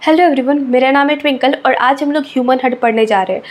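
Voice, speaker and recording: High-voiced woman teaching a biology lesson. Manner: repeats key terms slowly, checking in with "ठीक है?". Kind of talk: exam-prep biology lecture.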